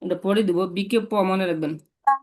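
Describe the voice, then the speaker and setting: A woman's voice: on the low side, fast talker, darkish tone. A woman teaching tones in a one-on-one online lesson over a video call, patiently repeating syllables for her student. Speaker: Chinese language tutor.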